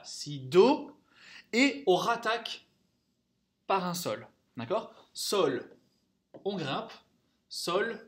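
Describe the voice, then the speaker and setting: A man teaching a music theory lesson, counting rhythms aloud, singing note names and checking in often with the class. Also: on the high side.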